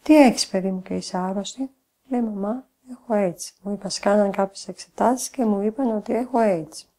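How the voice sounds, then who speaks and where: A woman's voice: mid-range voice, warm tone, reverberant. An older woman, a grandmother, giving an emotional documentary testimony full of quoted back-and-forth. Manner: retells events with many quoted exchanges. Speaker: interviewee, grandmother.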